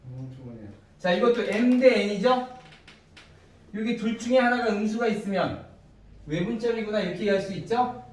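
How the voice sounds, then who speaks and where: A man with a fairly high voice teaches a math lesson to a classroom of students. He walks through each step and keeps checking that they follow. He is recorded from a distance in a very echoey room with faint background noise. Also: lively intonation, moderate pace. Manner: asks students frequent check-in questions.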